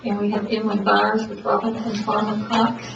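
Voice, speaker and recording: A woman's voice: medium pitch, completely flat delivery, moderate pace, gravelly. A woman speaking through a face mask, making formal meeting remarks as board chair. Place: public board meeting room. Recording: echoey room, distant, dull, noisy.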